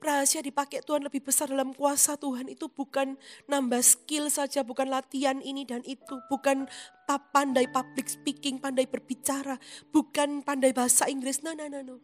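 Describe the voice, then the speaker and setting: A woman's voice: high-pitched, little pitch movement, normal speed, faint music behind. A woman preaching a sermon in an earnest, emphatic manner, speaking of herself in the third person.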